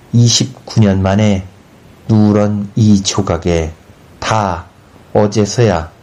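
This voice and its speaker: A man narrating a literary short story at an unhurried, deliberate pace. His voice sits low and sounds dark and mellow. He reads in a calm, measured audiobook manner.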